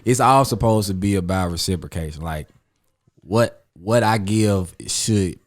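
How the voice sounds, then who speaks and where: Hosting a podcast, a man in his thirties rambles loosely through a casual chat with friends, full of slang and fillers. His voice sits low and his pace runs a little slow.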